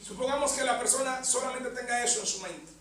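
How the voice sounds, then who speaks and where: High-voiced preacher in an echoey church. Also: male voice, fast talker, fairly bright tone. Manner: punctuates phrases with amen and bendito sea el Señor. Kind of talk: sermon. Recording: echoey church hall, mic far off.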